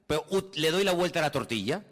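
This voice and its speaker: A man's voice: fairly high pitch, expressive, fairly quick, fairly bright tone, in a large hall. A male pastor, preaching a sermon in a dramatic manner and acting out the quotes.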